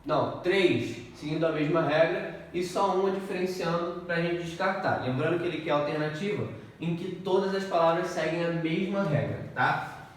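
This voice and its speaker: A man's voice: a little high, steady tone, normal speed, hardly any pauses. A male teacher giving an exam-prep grammar lesson, explaining step by step and often checking in with the class. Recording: echoey room, distant mic, faint noise.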